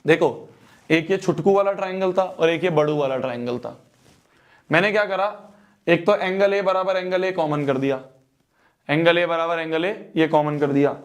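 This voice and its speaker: A man's voice: a little high, normal speed. A young man teaching a math exam-prep lesson, repeating phrases and checking that students follow.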